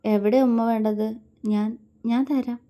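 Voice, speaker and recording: A woman voicing a shy, nervous young wife who stammers and speaks softly. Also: fairly high pitch, steady tone, normal speed, natural voice. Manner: hesitant, stammering, soft.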